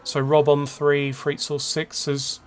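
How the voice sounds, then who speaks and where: A man's voice: a little high, completely flat delivery, slow, a little hiss or hum. A man giving casual, chatty commentary on an online racing league, calling positions and penalties. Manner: chatty, laughs along, lists penalties. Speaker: race commentator.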